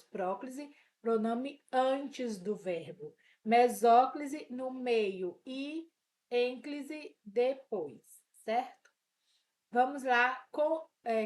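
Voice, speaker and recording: Female teacher, fairly high voice, slow and patient, repeating rules and checking in with the class. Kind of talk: exam review lesson.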